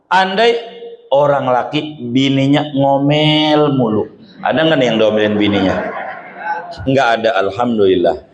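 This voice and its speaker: A man's voice: mid-range voice, measured pace, slight background noise. A man giving a joking, colloquial Islamic study sermon to a gathering. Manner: joking, colloquial Jakarta slang. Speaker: religious teacher.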